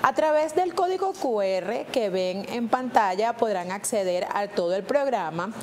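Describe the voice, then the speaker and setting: A Venezuelan lawyer who hosts a TV legal show presents formally in polished, announcer-style Venezuelan Spanish, slowing down for numbers. Her voice is medium-pitched, expressive and darkish, with slight background noise.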